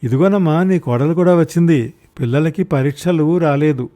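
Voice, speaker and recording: A man's voice: a little high, moderate pace, mellow, pitched above the performer's own voice, lightly acted. A man voicing a grown son who speaks to his forgetful mother in an earnest, pleading way. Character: grieving middle-aged son, pleading.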